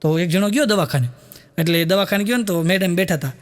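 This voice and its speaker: A man's voice: high-pitched, fast talker. A man telling folksy jokes to a live audience, acting out the people in his stories. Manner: folksy storyteller, acts out quoted characters. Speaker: stand-up comedian.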